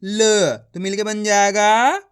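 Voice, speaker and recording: A patient man leads beginners through a reading lesson at a very slow, deliberate pace. His voice is clean and resonant. He breaks each word into syllables, then says the whole word with extra force. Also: sits high, steady tone, clear, resonant tone. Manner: addresses viewers as friends, patient and encouraging. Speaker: Hindi reading teacher.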